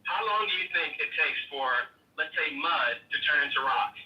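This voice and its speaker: A man calling in to a debate, firing quick questions with many restarts. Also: on the high side, animated, reverberant, distant mic, lo-fi sound. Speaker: caller. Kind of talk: call-in debate.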